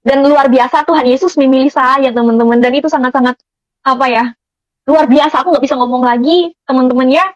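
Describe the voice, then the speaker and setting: A woman's voice: sits high, brisk, dry recording, lo-fi sound. A woman giving an emotional personal testimony, speaking earnestly to her listeners as friends, with many fillers.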